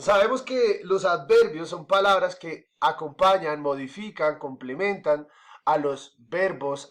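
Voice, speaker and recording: A male teacher giving a recorded grammar lesson to his class, patiently repeating each point and checking in often with the students;. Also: on the high side. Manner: checks in often with "¿listo?" and "¿cierto?".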